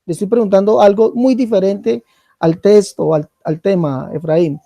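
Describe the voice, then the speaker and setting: A man questioning his opponent in a debate, insistent, slow and deliberate, repeating his questions. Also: high-pitched, creaky, crowd noise. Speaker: apologist in a debate.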